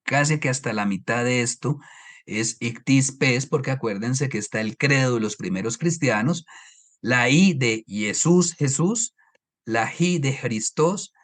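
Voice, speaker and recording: A man from Colombia with a highland Colombian accent teaches an online course from his slides. He explains each point patiently, often pausing to ask his students rhetorical questions and check that they follow. His voice comes through a computer microphone on a video call. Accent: Colombian highland Spanish. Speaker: Bible course lecturer.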